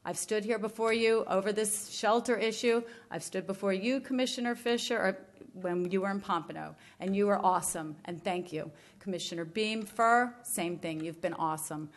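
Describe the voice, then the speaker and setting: A woman's voice: medium pitch, moderate pace, hardly any pauses. A woman giving public comment at a county budget hearing, an elected official who is angry and struggling to stay composed. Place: county commission chamber.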